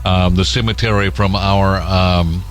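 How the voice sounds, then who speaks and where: Male radio host, deep voice, halting unscripted delivery for emergency coverage, noise and hum underneath. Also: fairly even intonation. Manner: halting, searching for words. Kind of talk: live emergency radio broadcast, ad-libbed. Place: radio station. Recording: background noise with electrical hum.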